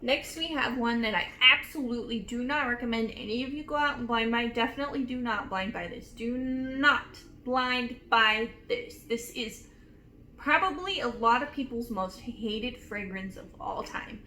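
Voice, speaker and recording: A woman in her twenties casually reviewing perfumes, gushing and emotional with drawn-out emphasis. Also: a little high, expressive, bright, forceful tone. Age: 20s. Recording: echoey room with faint noise.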